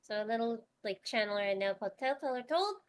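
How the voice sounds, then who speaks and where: A woman's voice: fairly high pitch, expressive, fast, a little hiss or hum. A woman co-hosting a casual livestream, explaining things in an informal, tentative way with repeated words. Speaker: writer-director co-hosting a stream.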